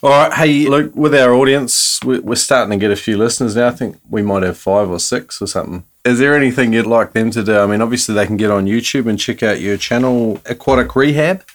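A man's voice: medium pitch, brisk, hardly any pauses. A man hosting a podcast, chatting casually with a guest and listeners. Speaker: podcast host. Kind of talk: casual interview chat.

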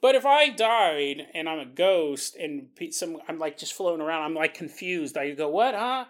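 A man's voice: fairly high pitch, normal speed. A man hosting a podcast, rambling through a comic monologue and often laughing mid-sentence. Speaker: podcast host.

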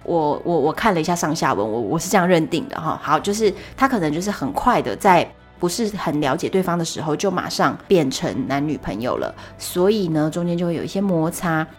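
A young woman hosting a solo podcast, telling stories in a chatty, animated way with exasperated asides. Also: low-pitched, a little fast, hardly any pauses, faint music behind. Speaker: podcast host.

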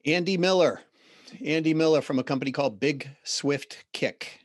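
A man in his fifties with a Boston accent, a podcast guest telling stories in an earnest, reflective way with halting restarts. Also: mid-range voice, steady tone, dry recording, clean studio sound. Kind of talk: casual interview talk.

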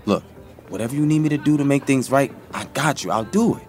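A man's voice: mid-range voice, expressive, quick pace, close to an everyday voice. An actor playing a brash young male rapper and DJ, talking in slangy, boisterous hype-man style. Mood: soothing, casual. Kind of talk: audio drama acting. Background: music.

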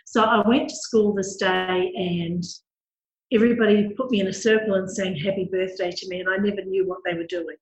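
A woman's voice: medium pitch, steady tone, fairly quick, slight background noise. Candid New woman in an echoey room. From New Zealand. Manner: candid, matter-of-fact storytelling. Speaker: guest. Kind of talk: interview.

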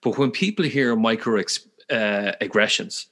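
A man with a Galway accent from the west of Ireland interviews a guest. His voice sits fairly low. He talks conversationally, choosing his words with thought and care. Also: moderate pace, fairly bright tone. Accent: Galway Irish. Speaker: podcast host, interviewer.

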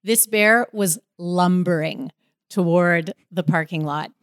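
A woman telling a personal story in a casual, animated way, with vivid retelling. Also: fairly low pitch, takes it slowly, smooth, dry recording. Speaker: storyteller guest.

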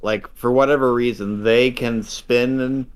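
A man's voice: mid-range voice, fairly even intonation, unhurried, smooth. Rambling man co-hosting a podcast. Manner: rambling, many "like" fillers, dry joking. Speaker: podcast co-host. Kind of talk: casual chat.

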